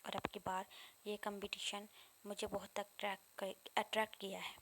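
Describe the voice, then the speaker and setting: A brash young policeman, cocky and teasing, sure of himself in every line, as a woman narrator reads him. The delivery stays flat and even in pitch. This is a storybook voice, not a deep character turn. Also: background noise, natural voice. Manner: teasing and self-assured. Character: brash confident young male police officer suitor.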